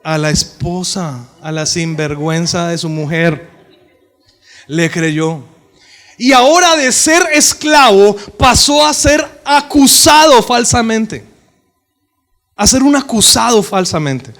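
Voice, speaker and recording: A man's voice: high-pitched, takes it slowly. A man preaching a sermon, telling the story animatedly and joking with the congregation. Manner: animated storytelling, acting out characters, joking with the audience.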